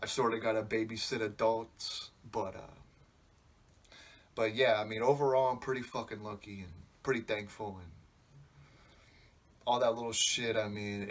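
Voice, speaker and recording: A man's voice: mid-range voice, a bit bright. Man, twenties, podcast host, casual monologue, rambling, profane, reflective. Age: 20s.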